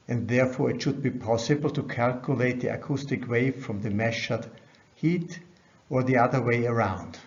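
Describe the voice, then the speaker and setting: A dull-sounding, middle-aged researcher gives a conference presentation, lecturing on science as slides play. His voice sits at medium pitch with a slightly mellow quality, recorded on dull, band-limited webcam audio.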